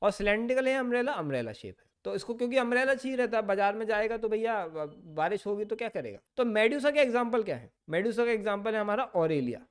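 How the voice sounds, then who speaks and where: A male biology teacher giving an exam-prep lecture, asking questions and answering them himself, reading textbook lines slowly and then explaining quickly and playfully. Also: high-pitched, sing-song, clear, resonant tone. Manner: asks questions and answers them himself, mixing Hindi with English terms.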